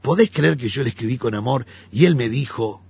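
A gravelly, slightly raspy man speaks as a pastor in relaxed conversation. His pitch rises and falls in a lively way as he acts out the people in his stories. The recording sounds dull and lo-fi. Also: brisk, no room sound. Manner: animated storyteller, acts out quoted voices. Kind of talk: conversational teaching.

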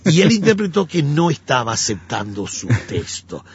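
A man, a pastor telling stories in an animated conversational way and acting out the voices he quotes. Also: on the high side, normal speed, gravelly, breathy edge, lo-fi sound. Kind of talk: conversational teaching.

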